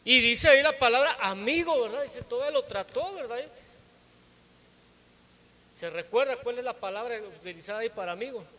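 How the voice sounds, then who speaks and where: A man's voice: very high-pitched, expressive, fairly quick, pauses often, sharp tone, slight background noise. A man preaching a sermon to his congregation, teaching with rhetorical questions and often checking in with tag questions.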